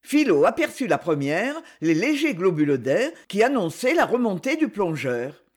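A man reading a novel aloud as narrator, with expressive storytelling. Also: sits high, normal speed.

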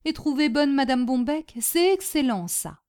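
A woman's voice: high-pitched, expressive, normal speed, darkish tone, pitched above the performer's own voice. A woman voicing a young Polish exile man who speaks broken French with a Polish accent in short, simple phrases. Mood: grateful.

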